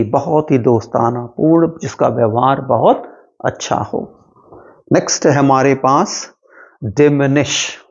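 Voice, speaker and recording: Guy teaching english words super slow, spells each letter, kinda muffled recording. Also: mid-range voice, darkish tone. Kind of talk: exam-prep vocabulary lesson. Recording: dull lo-fi sound.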